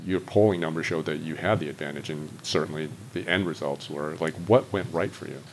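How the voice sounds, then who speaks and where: A man, a host who narrates and asks interview questions in a measured, inquisitive way. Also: very deep voice, slight background noise.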